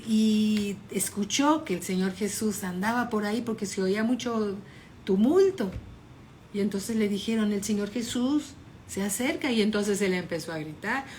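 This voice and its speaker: A woman pastor preaching a fervent sermon, retelling scenes dramatically with sudden loud peaks. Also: mid-range voice, a little hiss or hum.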